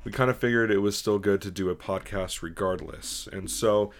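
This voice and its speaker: A man's voice: on the low side, moderate pace. A man hosting a podcast, chatting in a loose, rambling way with casual swearing. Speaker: podcast host.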